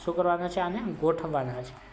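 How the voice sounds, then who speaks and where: A woman's voice: lowish voice, brisk, a little mellow. A woman with a Gujarati accent teaching a chemistry revision lesson. She asks questions and then answers them herself. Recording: echoey room, faint background noise.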